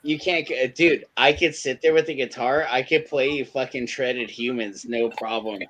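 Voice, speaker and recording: Thirties male, casual podcast co-host, rambling, profane, excitable delivery. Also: mid-range voice, normal speed, slight background noise. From California. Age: 30s. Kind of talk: casual chat.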